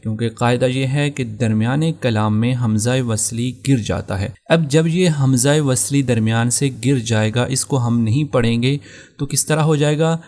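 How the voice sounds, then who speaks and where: A man's voice: medium pitch, darkish tone. A man teaching a Quran recitation rule in a patient lesson with a Pakistani Urdu accent. He goes over each rule again and spells out his examples one by one. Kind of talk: explaining tajweed rules step by step.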